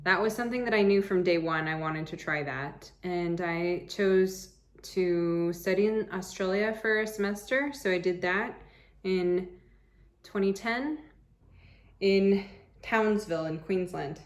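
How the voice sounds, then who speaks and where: A woman's voice: lowish voice, unhurried. An American woman in her thirties from Arizona, talking casually to camera as a travel vlogger, chatty and upbeat with rambling restarts, seated indoors. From United States (Arizona). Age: 30s.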